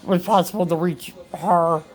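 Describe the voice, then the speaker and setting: A woman's voice: steady tone, moderate pace, a little mellow, rough recording. A woman vlogging at home, telling a rambling personal story with many restarts and repeated words. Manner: rambling, repeats words, acts out quotes in a higher voice. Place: her home.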